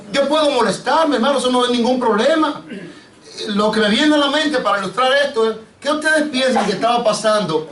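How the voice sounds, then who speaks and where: Un pastor predicando con acento caribeño a su congregación, con preguntas frecuentes y tratándolos de hermanos. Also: male voice, sits high, fairly bright tone, slight background noise. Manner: preachy, asks the congregation questions, addresses them as brother. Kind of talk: sermon. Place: church sanctuary. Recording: echoey church, mic off at a distance.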